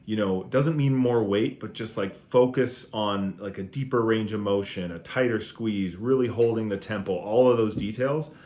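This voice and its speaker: A man's voice: fairly low pitch, normal speed, few pauses, a little mellow. A man, a fitness coach, giving a casual weekly training review in a conversational, encouraging way, with lots of fillers.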